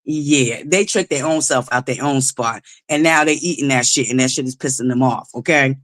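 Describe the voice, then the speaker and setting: Loud sassy woman doing live commentary, boisterous, goes off into shouts now and then. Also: a bass voice, normal speed. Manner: sassy, bursts into shouts and laughs. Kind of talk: casual live-stream commentary.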